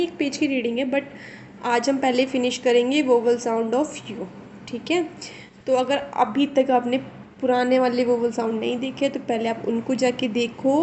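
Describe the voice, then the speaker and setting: A woman's voice: high-pitched, a little mellow, a little hiss or hum. A young woman teaching a phonics reading lesson to children, spelling out each word letter by letter before saying it and checking in with her listeners. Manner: slow, spells out letters then says the word.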